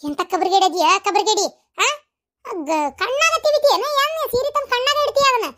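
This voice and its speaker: A woman with a North Karnataka Kannada accent playing a bossy, sharp-tongued older mother-in-law in a comic family skit, scolding and mocking. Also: very high voice, animated, a little fast, exaggerated voice. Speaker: comedy sketch performer.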